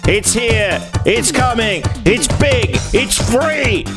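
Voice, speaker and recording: A man's voice: extremely high pitch, expressive. Upbeat man streaming over headset audio. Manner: upbeat, rattles off names in quick lists. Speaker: livestreamer. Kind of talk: casual stream chat, reading out viewer names. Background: loud game music.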